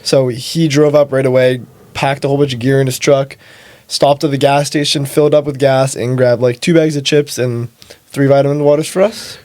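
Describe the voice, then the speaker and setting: A young man, the host's son, telling a story about a trip in a plain, steady way. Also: mid-range voice, fairly quick, dry recording. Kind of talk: recounting a story.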